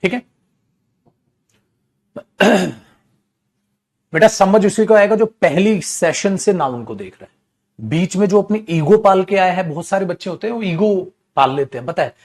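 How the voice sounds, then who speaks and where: Animated high-voiced Hindi grammar teacher. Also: male voice, unhurried, pauses often. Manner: animated, calls students "beta", asks and answers his own questions. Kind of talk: online coaching class lecture.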